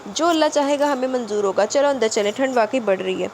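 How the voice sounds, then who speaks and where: A woman voicing a young husband who speaks softly and lovingly but turns harsh and shouting. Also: a little high, slight background noise, lightly acted. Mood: tender. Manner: soft and tender, turning to harsh shouting.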